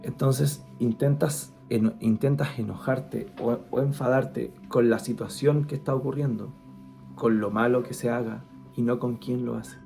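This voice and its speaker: A man gives an earnest devotional talk, his voice gravelly and dark. He speaks conversationally and restarts often. Soft music plays faintly underneath. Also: mid-range voice, steady tone, measured pace. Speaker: guest speaker.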